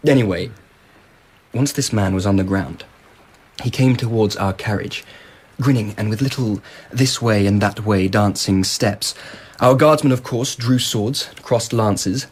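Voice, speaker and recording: In a BBC radio drama, a male actor plays a curious, indulgent emperor of old Japan, eagerly telling anecdotes in an expansive, enthusiastic way. His voice is lowish and husky, and he speaks unhurriedly.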